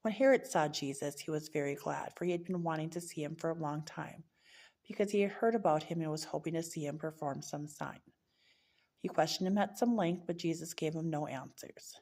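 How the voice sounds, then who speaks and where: A woman's voice: sits low, brisk, darkish tone. A woman reading a Bible chapter aloud, now and then stumbling and correcting herself mid-word. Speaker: scripture reader.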